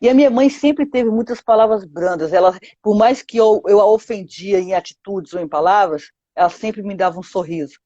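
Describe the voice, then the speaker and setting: A woman with a Brazilian Portuguese accent gives her testimony to a pastor in an interview, acting out quoted dialogue and saying "sabe?" a lot. Her warm, medium-pitched voice moves at a moderate pace with hardly any pauses, in a muffled recording without echo.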